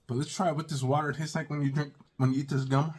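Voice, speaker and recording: A man with a husky voice hosting a casual taste-test review, exclaiming often and talking straight to his viewers. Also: on the high side, level tone, fast, darkish tone. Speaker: video host.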